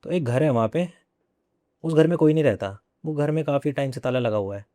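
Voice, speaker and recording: A young man tells a personal ghost story as a podcast guest. His voice is mellow and dark, and he speaks conversationally, circling back over his own phrases. The recording is dry and close, with no room echo. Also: fairly high pitch, expressive. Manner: repeats phrases, conversational and unhurried.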